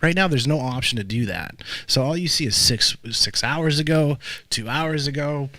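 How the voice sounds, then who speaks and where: A man's voice: on the high side, moderate pace, pushed and bright, dry recording. A man hosting a podcast interview, chatting loosely with lots of fillers and restarts. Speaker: podcast host.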